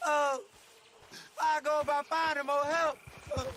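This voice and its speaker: A man's voice: very high voice, little pitch movement, a little slow, fairly bright tone, slight background noise. A man voicing a desperate frontier husband frantically begging a stranger for help. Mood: frantic.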